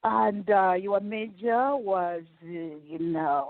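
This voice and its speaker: A woman host talks slowly and warmly affirms everything her guest says, with a slightly high voice. The sound is dry, with no room at all. It comes through a thin, phone-like line. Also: dry recording. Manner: effusive, slow and affirming. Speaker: podcast host. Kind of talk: welcoming interview chat.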